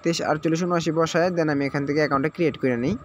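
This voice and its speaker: The recording is muffled with a little hiss or hum, and the man's voice is a little high with fairly even intonation and a rapid-fire delivery. As host of a screen-recorded app tutorial, he walks viewers through sign-up in repetitive steps, checks in frequently, and mixes in English words.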